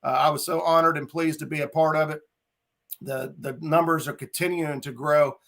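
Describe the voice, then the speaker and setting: Gravelly-voiced man hosting a chat. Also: on the high side, fairly even intonation, moderate pace. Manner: friendly, filler-heavy, shouts out viewers. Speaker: podcast host. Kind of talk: casual interview chat.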